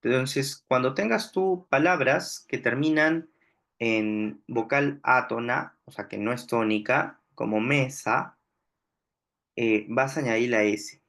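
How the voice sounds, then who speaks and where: A man's voice: medium pitch, a bit bright. A man teaching a grammar lesson, explaining step by step and often checking with his students. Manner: slow, deliberate explaining with frequent checks "¿no?". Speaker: language teacher.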